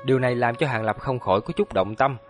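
A man narrates a long novel in a steady, even storytelling delivery. His voice sits at a middle pitch for a man. Faint music runs softly behind the reading. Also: quick pace. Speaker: audiobook narrator. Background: faint background music.

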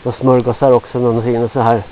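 A man's voice: mid-range voice, little pitch movement, a little hiss or hum. Rambling older man out in the forest. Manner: rambles to himself, chatty and gruff. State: sweaty, a bit out of breath. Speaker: vlogger. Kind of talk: rambling walk-and-talk monologue. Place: outdoors in a forest. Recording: dull lo-fi outdoor recording.

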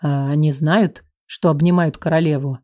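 A woman voicing a teasing, affectionate young male sorcerer who speaks low and lazily. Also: steady tone, normal speed, dark tone, no room sound, natural voice. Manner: wry, affectionate, low and lazy.

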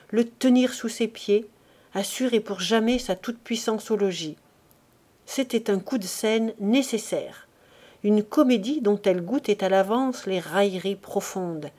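A woman reading a classic novel aloud as an audiobook, in a measured, expressive way. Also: mid-range voice. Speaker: audiobook reader. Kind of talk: literary audiobook narration.

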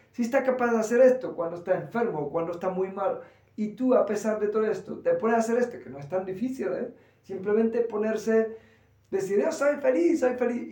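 A man from giving an animated spiritual class in a temple hall, acting out voices as he speaks. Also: sits high. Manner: animated, acts out voices, quick asides. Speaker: spiritual teacher. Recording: echoey room, voice far from the mic.

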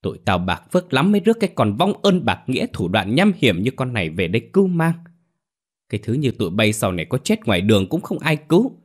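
A man voicing a fierce older woman who runs a theater troupe, scolding loudly and fast. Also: on the low side. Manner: bossy, yelling, rapid scolding.

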